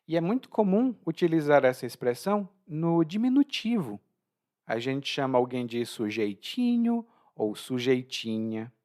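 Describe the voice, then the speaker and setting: A man with a Brazilian accent teaching a language lesson podcast, explaining expressions slowly, repeating key phrases and checking in with a "hum?". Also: mid-range voice, very animated, dark tone.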